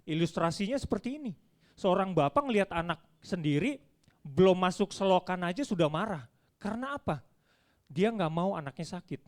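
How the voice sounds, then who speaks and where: Male preacher with a high voice, animated storyteller, church sermon. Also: brisk. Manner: animated storytelling, acts out dialogue.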